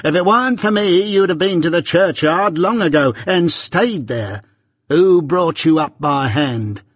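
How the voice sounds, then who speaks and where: A man voicing a shrill, scolding blacksmith's wife who talks in a sharp, loud, hectoring way. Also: expressive, measured pace, breathy edge, dry recording, studio quality.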